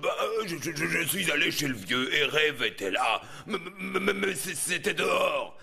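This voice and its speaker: A man's voice: fairly high pitch, lively intonation, normal speed, gravelly, sharp tone, heavily acted. An actor playing a nervous, bumbling henchman who stammers, in a French anime dub. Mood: flustered. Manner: stammering and flustered.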